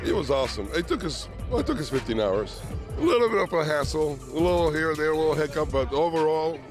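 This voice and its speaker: A man, a football fan, speaking excitedly outdoors beside a parked vehicle, a little halting. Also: fairly high pitch, music in the background. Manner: enthusiastic, slightly halting. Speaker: fan interviewed.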